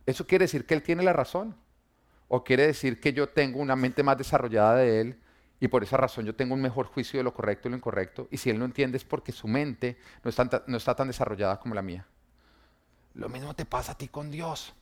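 A man, preaching an emphatic sermon that swings between loud and quiet, full of rhetorical questions and humor for the congregation. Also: mid-range voice, brisk. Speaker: pastor.

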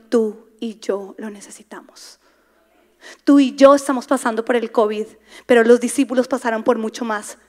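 A woman preaching to a women's congregation, dramatic, dropping to whispers for emphasis and acting out inner voices. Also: fairly high pitch. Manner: acts out inner voices, asks the crowd to repeat words.

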